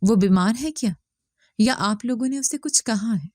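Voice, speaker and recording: A woman's voice: fairly high pitch, darkish tone, no room sound, clean studio sound, lightly acted. A woman voicing a young husband abroad who speaks tersely and insistently. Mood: frustrated. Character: young husband working abroad, frustrated and suspicious.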